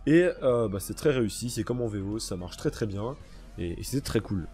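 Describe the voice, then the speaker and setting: A man's voice: on the low side, expressive, moderate pace, mellow, soft background music. A man casually reviewing a dubbed anime, enthusiastic and rambling, with lots of fillers and restarts.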